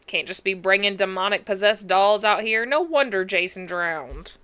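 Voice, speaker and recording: A hoarse, congested woman hosting a movie reaction, chatting casually and talking back at the screen with sass. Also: mid-range voice, moderate pace, a bit bright.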